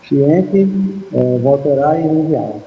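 A man acting as a virtual pilot, reading back clearances over a radio link like a walkie-talkie, halting and correcting himself as he goes. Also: fairly high pitch, animated, faint music behind. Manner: halting readback with fillers and self-corrections. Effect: heard over a radio link, like a walkie-talkie. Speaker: virtual airline pilot on a flight-sim network. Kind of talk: radio phraseology to air traffic control. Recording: tinny, echoey radio line.

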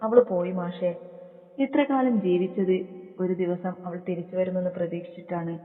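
A man's voice: sits high, steady tone, moderate pace, close to an everyday voice. A man voicing a tearful, grieving old grandmother in a storybook reading. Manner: tearful pleading. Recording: tinny phone-like sound with long reverb.

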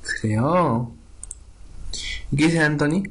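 Man teaching a Korean lesson. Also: mid-range voice. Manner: reads dialogue lines aloud slowly and repeats them. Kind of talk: online language lesson.

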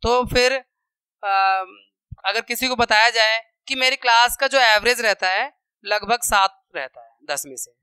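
A male maths teacher talks through a lesson for children, working through numbers out loud and stopping often to check that they follow. His voice is bright and very crisp. The sound is dry and close, with no room echo. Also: extremely high pitch. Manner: counts aloud, checks in with "okay".

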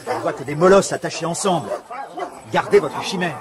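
Actor as a hammy, high-pitched swashbuckling gentleman. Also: fairly quick, very noisy, natural voice. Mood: theatrical, scornful. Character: bold, impatient Elizabethan gentleman adventurer, commanding and sardonic. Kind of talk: French radio drama acting. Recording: busy crowd behind the voice.

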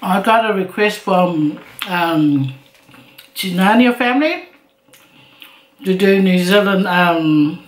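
A woman's voice: fairly low pitch, animated, slow, pauses often, a little hiss or hum. A middle-aged woman chatting casually as a mukbang host, talking between mouthfuls with appreciative hums. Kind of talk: casual chat while eating. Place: indoor room at a table. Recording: roomy echo, clinking dishes.

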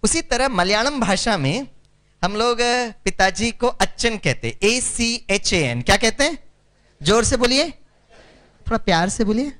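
A man's voice: high-pitched, lively intonation, a little slow, fairly bright tone. A man from Kerala, giving a spiritual lecture to an audience, mixing Hindi with English and calling for responses. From Kerala, India. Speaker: meditation speaker.

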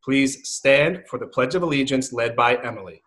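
A middle-aged man with a medium-pitched voice hosts school morning announcements. He speaks to children from a living room at home. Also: lively intonation, normal speed, a bit bright. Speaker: school news host.

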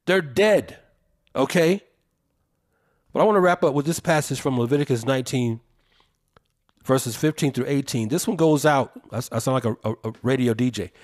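A man's voice: medium pitch, moderate pace, long pauses. A man co-hosting a podcast, talking in an emphatic, preacherly way and drawing out the words he stresses. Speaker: podcast co-host. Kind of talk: opinionated podcast commentary.

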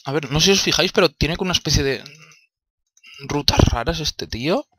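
A man's voice: fairly high pitch, animated, brisk, pushed and bright, a little hiss or hum. A young man from Spain with a Spanish accent, commentating his own gameplay, grumbling and swearing as he plays. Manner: exasperated, swears often, talks to himself. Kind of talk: let's play commentary.

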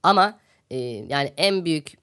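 A man's voice: on the high side, normal speed, pushed and bright, clean tone. A man hosting a podcast, giving satirical news commentary in a sarcastic, ranting manner and repeating phrases for comic effect. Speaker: podcast host.

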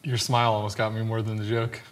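A man in his thirties telling short pun jokes conversationally, deadpan as he tries to keep a straight face. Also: lowish voice, quick pace. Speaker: contestant in a joke-telling challenge. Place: indoor studio set.

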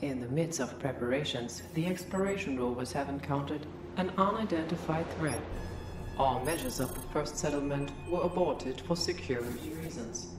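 A woman voicing a calm ship computer, formal and measured, with synthetic processing, in a scripted game announcement. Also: low voice. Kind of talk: scripted briefing and system announcements. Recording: echoing voice over game music.

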